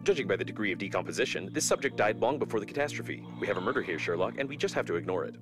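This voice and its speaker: A man voicing a dry, mocking male spacesuit computer in a video game, speaking in a clinical, deadpan way. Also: on the low side, fast, natural voice. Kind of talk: voiced game commentary. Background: game music.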